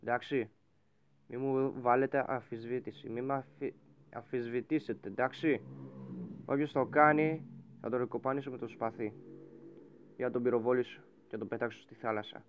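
A man playing a game and role-playing a bossy pirate captain who shouts orders at his crew. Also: medium pitch, little pitch movement, muffled recording, a little hiss or hum. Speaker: gaming YouTuber. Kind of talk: Minecraft role-play commentary.

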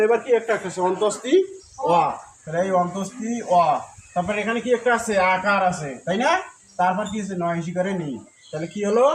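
High-voiced man teaching Sanskrit pronunciation. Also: roomy sound, low-quality recording. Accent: Bengali. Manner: asks questions and answers them himself, spells out syllables; chants verses very slowly in a drawn-out melody. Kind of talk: recorded Gita recitation lesson.

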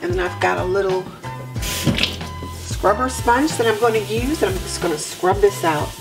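A woman in her home kitchen, walking viewers through cleaning her sink step by step in a relaxed, practical way. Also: mid-range voice, normal speed, creaky. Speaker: homemaking vlogger. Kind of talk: cleaning tutorial narration. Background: background music.

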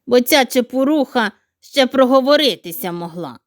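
A woman's voice: sits high, lively intonation, normal speed, no echo, clean studio sound. A woman voicing a mischievous, greedy young pig who is passing himself off as a boy in a storybook tale, with a grumbly, rude, self-satisfied manner. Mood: smug.

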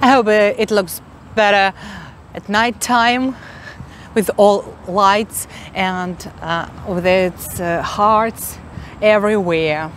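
A woman in her forties with a Russian accent, a travel vlogger chatting enthusiastically, with many fillers and pauses, filming on a phone outdoors. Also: medium pitch, steady tone, a little hiss or hum. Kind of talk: casual travel vlog narration. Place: outdoors in a city and inside a large mosque.

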